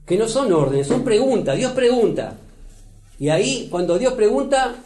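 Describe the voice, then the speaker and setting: A man preaching a sermon as pastor, building emphasis and reading scripture slowly and deliberately. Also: high voice, big pitch swings, warm tone, echoey room. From Uruguay. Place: church.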